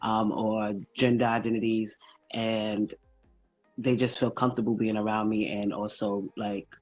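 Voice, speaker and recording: A man from Brooklyn with a New York accent, a guest talking haltingly with many ums and likes in a casual livestream interview. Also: lowish voice, level tone, soft background music, rough recording. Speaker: guest, small business founder. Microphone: phone livestream.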